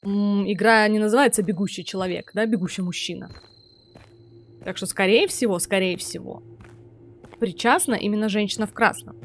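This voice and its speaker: A woman's voice: medium pitch, normal speed, slight background noise. A young adult woman giving casual muttered commentary on a horror game as she plays, reacting aloud. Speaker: game streamer. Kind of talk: horror game let's play commentary with read-aloud subtitles.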